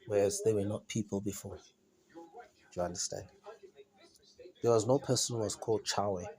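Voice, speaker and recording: Male speaker, lowish voice, informal lecture, repetitive and halting, stops to ask if you follow. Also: darkish tone, low-quality recording. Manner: repetitive, halting with many restarts; asks "do you understand?".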